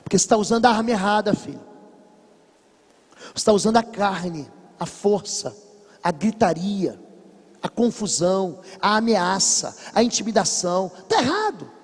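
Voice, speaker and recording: A high-pitched man with a Brazilian Portuguese accent delivers a sermon in a church. He tells stories emphatically, swinging between hushed passages and loud bursts, and his voice trails off into a long reverb. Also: big pitch swings, normal speed, slightly rough. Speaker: pastor.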